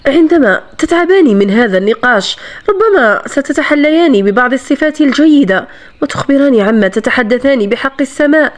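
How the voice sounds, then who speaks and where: Woman reading cold sarcastic aristocrat man, curt, high voice, audiobook. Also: lively intonation, a little fast.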